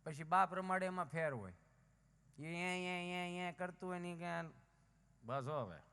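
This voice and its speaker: Performing live folk stand-up, the man voices various village characters, shifting his delivery for each. His high voice stays steady, sharp and clean at a measured pace, and the outdoor or hall folk stage gives the recording a long hall reverb.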